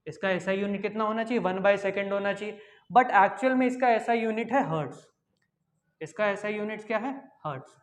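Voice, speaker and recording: Tutor, male, high voice, quizzes himself aloud, echoey room. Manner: repeats questions and answers them himself; switches between quiet and loud to demonstrate. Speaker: science teacher. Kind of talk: online science lesson.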